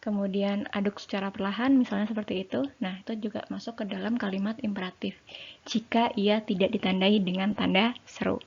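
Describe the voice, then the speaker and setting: A woman teacher explains a lesson in a relaxed, chatty manner, throwing rhetorical questions at her students. The home recording sounds a little dull and lo-fi. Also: mid-range voice, brisk, gravelly, husky. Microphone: home recording for an online lesson.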